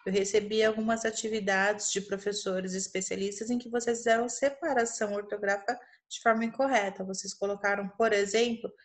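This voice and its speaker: A young adult woman with a Brazilian accent, teaching a recorded primary school grammar review and explaining patiently, step by step. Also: mid-range voice. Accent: Brazilian Portuguese. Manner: patient, explains slowly, checks in with "tá?" often. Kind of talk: recorded online lesson for children.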